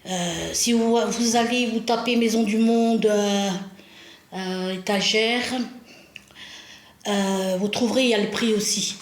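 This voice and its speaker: In a roomy-sounding recording made indoors at home, a woman vlogger chats casually while decorating a shelf, speaking to a camera placed a little way off. Her mid-range voice is slow with fairly even intonation, and she pokes fun at herself and laughs often.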